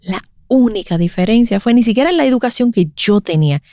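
Casting note: woman, 40s, lively storyteller in an interview, dry close sound. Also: fairly high pitch, brisk, dry recording. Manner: animated, acts out quoted voices. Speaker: guest speaker on breastfeeding.

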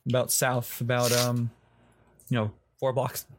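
A man's voice: medium pitch, completely flat delivery, measured pace, background noise. A man casually narrating and refereeing a tabletop game as the game master.

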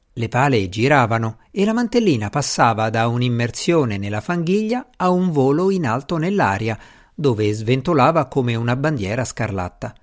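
A man reading a novel aloud as a scripted narration, expressive and voicing the dialogue. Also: medium pitch. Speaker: audiobook narrator.

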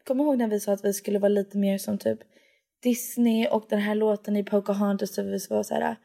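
A woman's voice: medium pitch, flat delivery, gravelly, mellow. A young woman co-hosting a podcast in casual chat, giggly and mixing Swedish with English. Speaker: podcast co-host.

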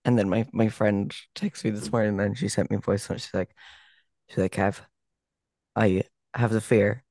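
Tired young man with a gravelly voice. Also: on the low side, fairly even intonation, brisk, dark tone, no room sound. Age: young adult. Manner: hungover, tired, dry jokey banter. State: hungover and tired. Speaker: podcast co-host. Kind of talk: casual chat.

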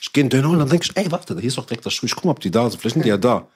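A man's voice: mid-range voice, rapid-fire, husky. A man chatting casually, telling a story in slangy speech and acting out what others said. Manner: slangy and animated, swears he is not lying, acts out others' lines. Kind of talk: casual chat, telling an anecdote.

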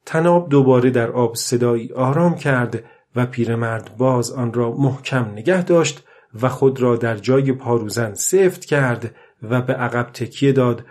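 Male audiobook narrator, middle pitch, calm measured storytelling. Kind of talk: scripted narration.

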